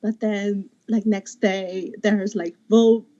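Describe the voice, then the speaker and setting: A woman chatting as a guest on a fan podcast, telling stories excitedly with lots of "like" and "you know". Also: mid-range voice, slow, no room sound, muffled recording. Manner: animated storytelling with many fillers. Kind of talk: casual podcast chat.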